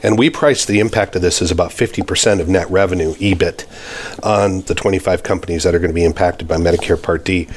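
A man runs the interview in a relaxed, conversational way and asks pointed questions. His voice is deep. Faint background noise sits under the recording. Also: quick pace. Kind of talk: panel interview.

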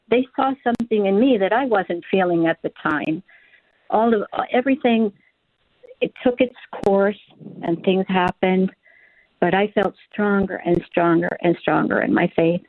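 An older woman calling in to a radio show over a phone line. She tells a personal faith story in an earnest, halting way, with many fillers and restarts. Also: fairly low pitch, no echo. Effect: telephone line. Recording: tinny dry phone line.

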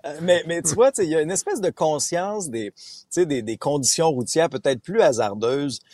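A man from Abitibi with an Abitibi Québécois accent, a radio columnist chatting casually and telling stories full of fillers, calling in from his parked car at a highway rest stop. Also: lively intonation, normal speed, a little mellow, no room sound. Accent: Abitibi Québécois French. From Abitibi, Quebec. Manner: chatty, storytelling, filler-heavy. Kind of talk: casual chat on talk radio.

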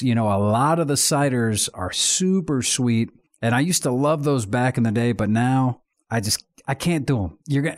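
Chatty man co-hosting a tasting show. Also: medium pitch. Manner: rambling, chatty, self-interrupting. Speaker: podcast co-host. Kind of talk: casual chat.

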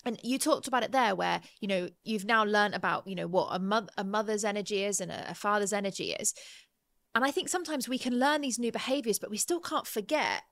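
A woman's voice: mid-range voice, brisk, no room sound. Thoughtful woman podcast host, dry sound. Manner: reflective, thinks out loud, soft backchannels. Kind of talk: interview conversation.

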